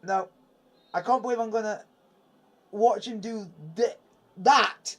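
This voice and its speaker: Excitable high-voiced young streamer. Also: male voice, takes it slowly, no echo. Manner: excitable, laughs often, loud exclamations. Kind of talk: live football watchalong chat.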